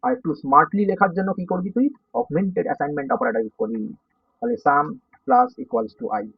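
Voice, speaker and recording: A man teaching a coding lesson in a Bengali accent, speaking softly because of a sore throat and often checking that students follow. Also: high voice, sing-song, fairly quick, gravelly, breathy edge, no room sound. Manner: informal, checks understanding often. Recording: dull, dry, slightly distant.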